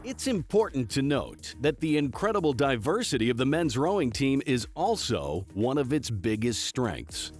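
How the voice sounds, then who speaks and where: A man's voice: mid-range voice, very animated, moderate pace, few pauses, a little mellow. A man delivering polished, promotional scripted narration for a sports show. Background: music.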